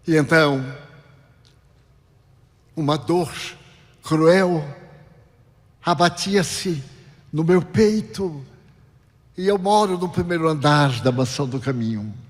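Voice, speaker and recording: Man, Bahian Brazilian accent, spiritual lecture, lively swooping intonation, slightly high voice, long hall echo. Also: takes it slowly, pauses often. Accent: Brazilian Portuguese, Bahian. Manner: dramatic storyteller with big swings in pitch and loudness. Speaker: spiritist speaker. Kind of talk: spiritual lecture with personal storytelling.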